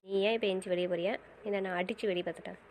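A woman's voice: on the low side, steady tone, racing, a little hiss or hum, natural voice. A young woman acting a jealous wife who scolds and threatens sharply in an amateur drama. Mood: furious. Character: fierce jealous young wife, quick to rage.

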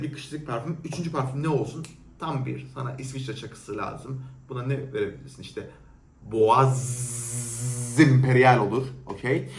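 A young man talks his way through viewer questions in a loose, casual chat. He is blunt and teasing, with a middle-pitched voice. He sits a little back from the mic in a room with plenty of echo. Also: gravelly, distant mic, slight background noise. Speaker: perfume reviewer. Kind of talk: casual Q&A talk.

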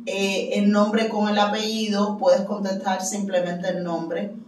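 A woman giving a casual language lesson as a French teacher, explaining patiently and repeating phrases slowly for learners. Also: medium pitch, little pitch movement, darkish tone, a little hiss or hum. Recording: roomy echo, mic at a distance.

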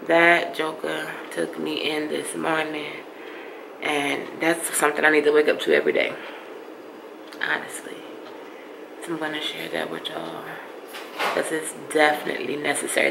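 A woman's voice: sits low, vocal fry. A woman chatting casually to her vlog viewers in a playful, talkative way. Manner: chatty, playful, uses "y'all". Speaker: vlogger. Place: car and shops. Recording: noisy phone recording.

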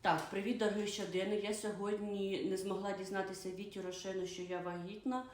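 A woman doing a soft-spoken young wife. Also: medium pitch, flat delivery, a little fast, lightly acted. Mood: gentle. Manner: quiet, gentle, hesitant. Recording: roomy echo.

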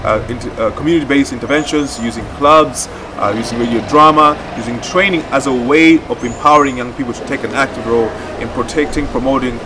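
A man explains methodically as a project facilitator in a documentary interview, talking quickly in a medium-pitched voice. He's picked up by a distant mic under background music, so the recording is noisy.

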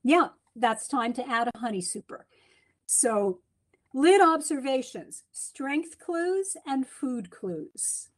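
A woman's voice: high voice, sing-song, takes it slowly. A middle-aged woman giving a chatty slide lecture from home over a webcam, with many ums and restarts. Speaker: beekeeping speaker. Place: home room, indoors. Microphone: webcam on a video call.

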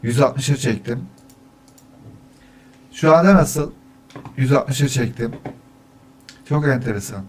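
A man's voice: mid-range voice, slow, long pauses, a little mellow, a little hiss or hum. Male streamer, casual and chatty; counts weekdays for mic checks and gets irritated with his setup. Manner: easily annoyed, grumbling about echo. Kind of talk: casual livestream chat.

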